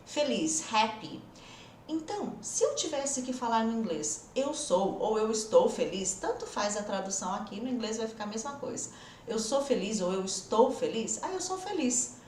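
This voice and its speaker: A woman's voice: fairly high pitch, animated, moderate pace, darkish tone, roomy sound, far from the mic, slight background noise. A woman with a Brazilian Portuguese accent, teaching in a casual online lesson and talking straight to the viewer in an encouraging way. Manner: encouraging, talks straight to the viewer, acts out students' doubts. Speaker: English teacher. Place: room where she must keep her voice down.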